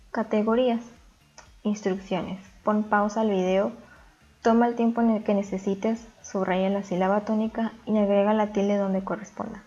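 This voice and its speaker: Female teacher, even mid-pitched voice, methodical explainer, muffled recording with soft music under it. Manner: calm, step-by-step explaining. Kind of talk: recorded grammar lesson.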